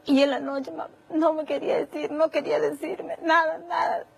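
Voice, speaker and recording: A woman's voice: sits high, level tone, normal speed, gravelly, low-quality recording. A woman, a mother giving emotional testimony in a TV interview, her voice repeating itself and breaking into tears.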